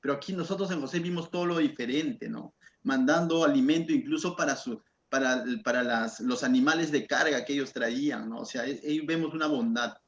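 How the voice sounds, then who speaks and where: A man's voice: mid-range voice, fairly quick, few pauses. A man from Peru, a pastor teaching Bible verse by verse in a conversational way, often asking "¿no?" and acting out quoted voices. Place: church. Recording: echoey, dull church recording.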